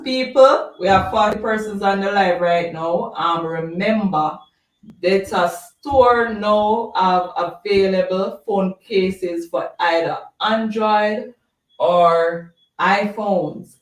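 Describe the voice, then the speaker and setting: On a live stream, a Jamaican host chats casually at a middling pitch, reading viewer comments, wandering from topic to topic, and often repeating words. The sound is roomy and a bit distant, as though he's sitting back from the mic.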